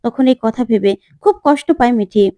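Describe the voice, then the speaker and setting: Woman narrator, rapid recap, mellow tone, dry close mic. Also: fairly high pitch, dry recording. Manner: rapid storytelling, voices all roles. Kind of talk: serial episode recap.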